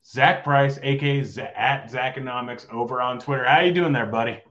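Hosting a live sports betting show, a man jokes around and gives a quick, casual rundown of his picks. His medium-pitched voice is fairly bright but getting hoarse, and the recording cuts off the highs.

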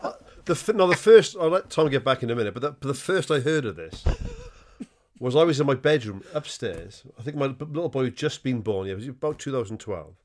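A man's voice: medium pitch, expressive, a little fast. Chatty male podcast host. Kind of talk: casual chat.

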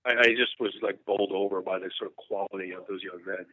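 Over a tinny, dry phone line, a low-voiced man speaks fast with fairly even intonation and no echo. He's a U.S. war journalist in his fifties, recounting his experiences frankly and earnestly in an interview, frequently starting sentences over.

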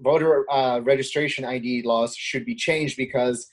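Husky New man, chatty guest. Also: medium pitch, fairly even intonation, moderate pace. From Queens, New York. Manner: casual, many fillers, rising indignation. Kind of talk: political talk show chat.

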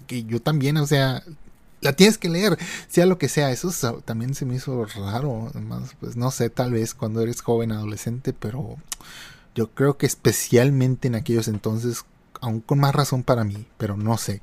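Man, podcast host, reads posts and comments casually, hesitant fillers, mid pitch, dry close sound. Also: darkish tone, no echo. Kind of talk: reading online posts aloud and commenting.

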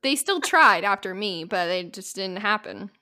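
A woman's voice: mid-range voice, sing-song, moderate pace, bright, forceful tone. A woman in her twenties hosting a podcast, chatting casually and laughing often. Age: 20s. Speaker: podcast host. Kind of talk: casual chat.

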